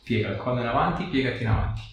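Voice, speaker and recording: A man with an expressive, mid-range voice speaks rapid-fire as a chiropractor, offering quick reassuring questions and instructions to a patient he's examining by hand. The recording, from an indoor treatment room, is very echoey, distant-miked and faintly noisy.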